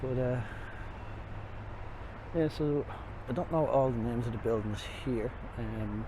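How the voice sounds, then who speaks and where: Walking along city streets by a river, an Irish man gives a casual, rambling, self-deprecating tour commentary through a face mask. His voice is mid-range and slow-paced, and traffic and street noise fill the background of the noisy outdoor recording.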